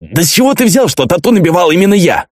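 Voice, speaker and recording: A man's voice: very animated, fast talker, no echo, studio quality. A man voicing a terrified, crude male tattooist held captive, shrieking and swearing in an audiobook. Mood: pleading. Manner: shrill shrieking, swearing, sobbing.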